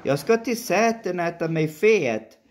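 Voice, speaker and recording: A woman voicing a tiny, timid young billy goat in a storybook reading, with a squeaky, pleading voice. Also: lively intonation, darkish tone, a little hiss or hum, lightly acted. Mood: meek.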